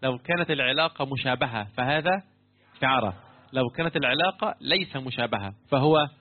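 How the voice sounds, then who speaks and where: Tinny-sounding teacher quizzing his class. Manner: quizzes students with repeated questions and fill-in prompts. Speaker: teacher explaining Quran commentary. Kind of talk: interactive classroom lesson. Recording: tinny phone-like low-fidelity sound.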